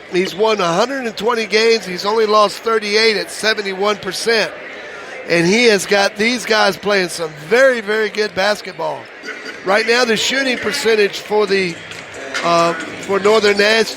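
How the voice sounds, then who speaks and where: Man, high-pitched, conversational sports analysis, halting, repeated phrases, clear background gym noise. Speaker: basketball color commentator. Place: gymnasium.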